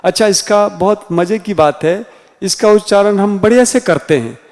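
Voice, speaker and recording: A man teaching a Hindi class in a slow, deliberate way with a Rajasthani accent, sounding out each letter one by one. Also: high voice, a little mellow. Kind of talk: classroom lecture. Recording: reverberant room sound.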